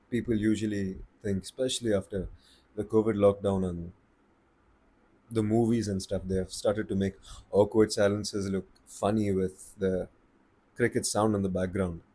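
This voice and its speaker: A man with an Indian accent giving calm, slow-paced advice on speaking to the camera. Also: lowish voice. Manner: slow, calm and deliberate, with pauses. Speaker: voice coach. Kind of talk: casual advice talk to camera.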